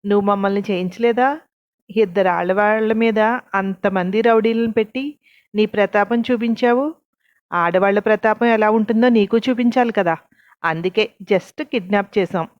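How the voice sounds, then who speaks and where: A woman voicing a scheming woman boss in a storybook reading, with a calm, taunting manner. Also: mid-range voice, moderate pace, lo-fi sound, close to an everyday voice.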